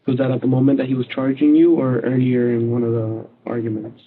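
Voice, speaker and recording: A man questioning a witness as a police detective, calm and probing, recorded on a tinny line. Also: mid-range voice, a little fast. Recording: tinny phone-like interview recording.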